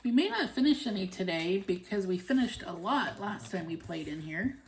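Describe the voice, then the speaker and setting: A woman casually narrating a hands-on task as a video host, unhurried and often counting to herself, in a noisy home recording. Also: mid-range voice, big pitch swings, a little mellow. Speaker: budgeting channel host. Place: at home, indoors.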